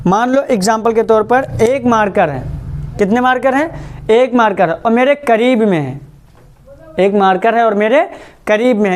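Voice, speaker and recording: Male grammar teacher, high voice, patient call-and-response drilling style. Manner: drills with quick questions and repeated answers; stretches out words slowly to model pronunciation. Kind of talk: classroom grammar lesson.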